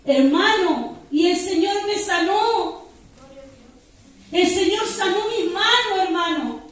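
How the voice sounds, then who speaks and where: A woman preaches with fervor at a house church service. She speaks in a very high voice, picked up from a distance in a strongly echoing room. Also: takes it slowly. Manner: fervent, repeatedly addresses listeners as "hermano". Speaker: preacher giving testimony. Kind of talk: sermon testimony. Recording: echoey room, voice from far off.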